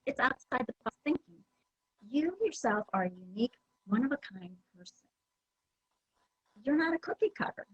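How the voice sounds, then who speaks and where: A woman's voice: fairly high pitch, lively intonation, normal speed, long pauses, slightly rough, no echo, highs cut off. A woman giving a conference presentation, talking in a conversational way with many fillers and restarts. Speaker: presenter at a user group meeting.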